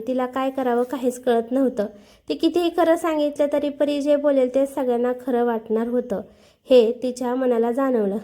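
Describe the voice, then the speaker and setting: A woman narrates an emotional family story, acting out every character with feeling. Her voice is high and soft in tone, warm rather than bright.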